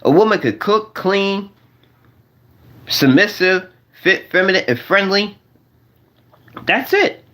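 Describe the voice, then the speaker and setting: A man's voice: sits high, expressive, slow pace, pauses often, bright, forceful tone. A man in his forties rambling to his viewers in a casual monologue, repeating phrases over and over and using slang. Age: 40s. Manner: repetitive, restarts and repeats phrases; slangy, addresses viewers as y'all. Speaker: vlogger.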